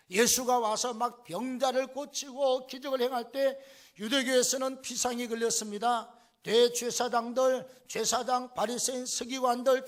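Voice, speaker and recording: A pastor delivering a sermon with fervent, emphatic preaching. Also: male voice, extremely high pitch.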